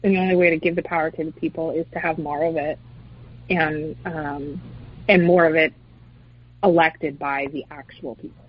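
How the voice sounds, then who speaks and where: A woman in casual discussion, talking in an animated way with many fillers and acted-out quotes. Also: deep voice, moderate pace, breathy edge. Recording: dull lo-fi recording.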